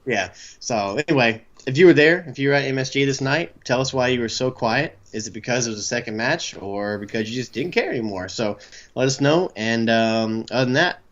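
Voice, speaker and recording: A man's voice: mid-range voice, a little fast, a bit bright, dull audio. A man co-hosting a podcast in casual chat, telling stories animatedly and laughing easily. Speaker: podcast co-host.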